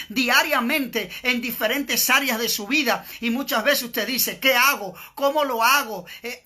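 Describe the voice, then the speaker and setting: A man's voice: very high-pitched, pushed and bright. A man preaching an urgent, repetitive sermon as an evangelist.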